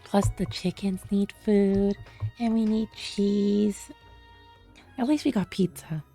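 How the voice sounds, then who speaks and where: A woman's voice: mid-range voice, fairly even intonation, slow, warm tone, breathy edge, faint music behind. A woman streamer chatting casually while she plays, in a rambling, offhand way. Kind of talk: casual live-stream chat.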